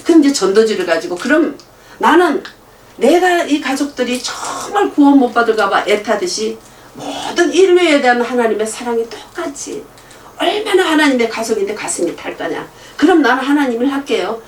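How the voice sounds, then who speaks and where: Middle-aged lady preacher, high lively voice, acts out the dialogue, kinda distant in a big echoey room. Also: normal speed, a little hiss or hum. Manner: animated, acts out dialogue in different voices, laughs often. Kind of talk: sermon with storytelling.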